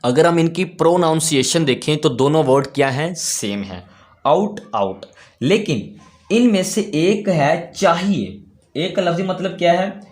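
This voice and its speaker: A man teaching a class, patiently asking his own questions and repeating each key word slowly. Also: a little high, animated. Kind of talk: classroom lesson.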